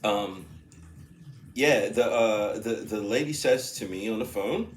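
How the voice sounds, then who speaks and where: A man's voice: fairly low pitch, slow pace, a little hiss or hum. A man casually telling a long story, rambling, laughing often and repeating himself. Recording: echoey room with faint ambience.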